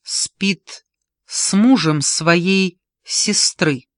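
Reader playing a reckless taunting brother, loud raised voice, slow emphatic pace, dry close recording. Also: medium pitch, no room sound. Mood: defiant. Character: defiant grown man, reckless blurting brother.

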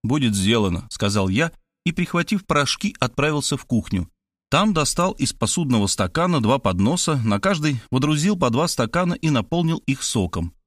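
A man narrating a first-person audiobook, animated and expressive, dropping lower for his own character. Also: normal speed, no room sound, clean studio sound.

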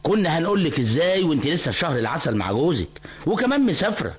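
An actor playing a dutiful, soothing Egyptian son in a radio drama. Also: male voice, on the high side, big pitch swings, racing. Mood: calm. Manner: soothing, reasonable. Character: dutiful grown son, calming peacemaker. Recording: dull lo-fi radio recording.

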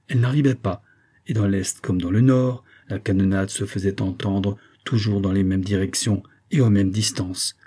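Male narrator for a classic novel: low, mellow voice, steady delivery. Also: breathy edge. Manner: steady, measured storytelling. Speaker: audiobook narrator. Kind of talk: scripted literary narration.

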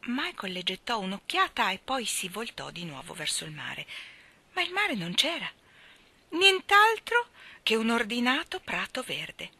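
A woman giving an expressive reading of a children's book in an animated storyteller's way. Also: a little high, measured pace, slightly rough.

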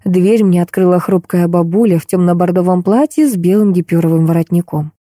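A woman narrating an audiobook in the first person in a lively, ironic storytelling manner. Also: fairly low pitch, a little fast, no room sound, studio quality.

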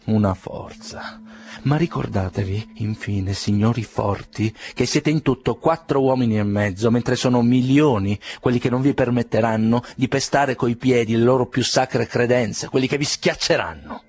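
A man reading an audiobook, playing an irritable older aristocratic gentleman who sneers coldly and then bursts into indignation. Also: medium pitch, normal speed, husky. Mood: indignant. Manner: cold and ironic, flaring into indignant outbursts.

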